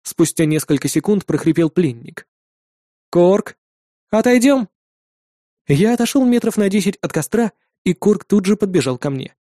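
A man reading a first-person fantasy audiobook in a calm, measured way. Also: sits high, no echo, clean studio sound. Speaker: audiobook narrator.

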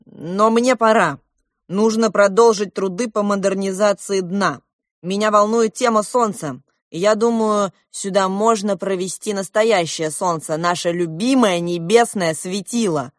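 A woman's voice: medium pitch, a little slow, no echo, clean studio sound, close to an everyday voice. A woman reading an audiobook, voicing a hesitant, evasive grown man, a father. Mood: mild.

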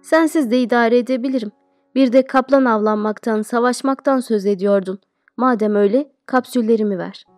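A woman's voice: on the high side, brisk, darkish tone, dry recording, soft background music, close to an everyday voice. A woman reading the lines of a bold, boastful schoolboy runaway in an audiobook, in a defiant, commanding way.

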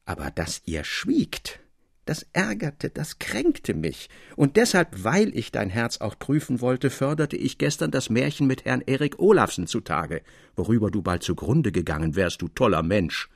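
A man's voice: mid-range voice, very animated, unhurried, creaky, breathy edge, no room sound, clean studio sound, exaggerated voice. A man voicing an older mine owner, fatherly but stern and earnest, in a radio story reading. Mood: scolding. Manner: earnest, scolding.

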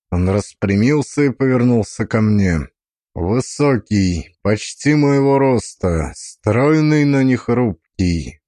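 A man giving a measured, suspenseful reading as an audiobook narrator, in scripted narration. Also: lowish voice, darkish tone, no room sound, clean studio sound.

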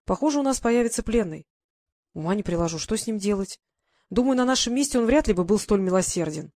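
A woman voicing a cheerful, boastful young male swordsman in a storybook reading, with a lively, courtly manner. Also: medium pitch, fast, dry recording, clean studio sound, natural voice. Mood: smug.

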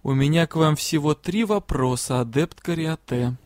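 A man voicing a furious, stern male magister who runs a magic academy, speaking slowly in a low, hissing, menacing voice. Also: a little mellow, no echo, natural voice.

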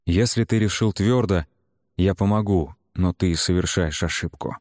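A male narrator voices a wary, hot-tempered young warrior brother who speaks in sharp, urgent outbursts. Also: low-pitched, moderate pace, big-room sound, natural voice. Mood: resigned.

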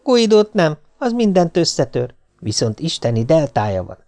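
A man's voice: a little high, sing-song, dark tone. A man voicing a moody, anxious sixteen-year-old girl who keeps changing her mind, in an audiobook reading. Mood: dithering. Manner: flustered, flip-flopping, sobbing.

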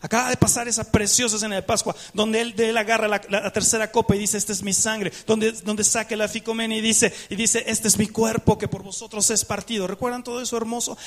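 A man's voice: very high-pitched, fairly bright tone. A man preaching a sermon, asking the congregation questions and acting out prayers to God. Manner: asks the congregation questions, rhetorical and emphatic; acts out dialogues with God in prayer. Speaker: pastor.

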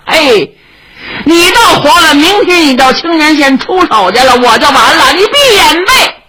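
A woman's voice: high voice, very animated, a little slow, heavy background noise, pitched above the performer's own voice. A woman voicing a menacing male monk who threatens a child, sneering and mock-pious.

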